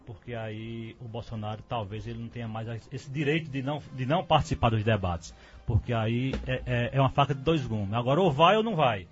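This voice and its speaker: Man, radio guest, medium voice, measured, firm, muffled lo-fi audio. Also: mid-range voice, faint music behind. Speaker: guest commentator. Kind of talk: radio debate analysis. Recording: dull lo-fi radio studio sound.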